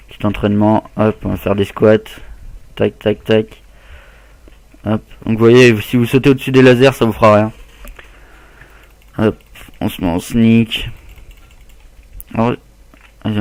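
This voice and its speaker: A man's voice: lowish voice, a little mellow, dry recording. A man casually commenting on his own gameplay as a gaming YouTuber, chatting and muttering to himself as he plays.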